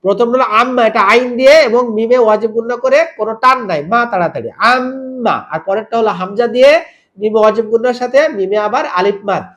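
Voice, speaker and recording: A man teaching Quran recitation rules, spelling out each letter and vowel mark and then drawing the words out slowly in a chanted style, asking the listener to repeat. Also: very high-pitched, a bit bright, lo-fi sound. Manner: asks the listener to repeat after him. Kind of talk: step-by-step tajweed lesson.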